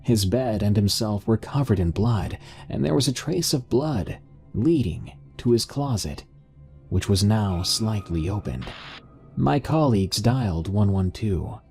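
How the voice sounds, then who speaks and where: A man narrating a horror story in a measured storytelling style. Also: lowish voice, lively intonation, a little mellow, soft background music.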